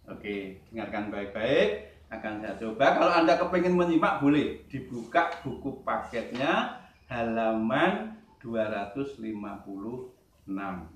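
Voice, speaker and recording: A man teaching a class, talking slowly, stressing key words and asking the class questions. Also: mid-range voice, animated. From Central Java, Indonesia. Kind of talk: classroom lesson. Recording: roomy echo, voice from a distance.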